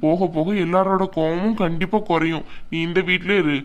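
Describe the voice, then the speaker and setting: A woman's voice: on the low side, fairly even intonation, normal speed, close to an everyday voice. A woman voicing an older male father-in-law in a cartoon, firm and fatherly. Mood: reasoning. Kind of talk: cartoon voice acting.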